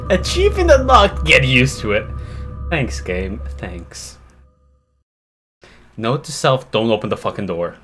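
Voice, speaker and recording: A man's voice: medium pitch, sing-song, measured pace, pauses often, fairly bright tone, faint music behind. A man streaming a horror game live, talking to himself and cursing in panic as he plays. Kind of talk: live gameplay commentary.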